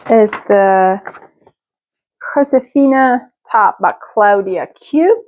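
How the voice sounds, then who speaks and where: A knitting podcast host, a woman from Europe whose first language is Czech, chats casually while showing and telling about her work. She speaks slowly and unhurriedly at a medium pitch with a soft, dark tone, making small self-corrections as she goes. The home recording is lo-fi, dry, and slightly dull.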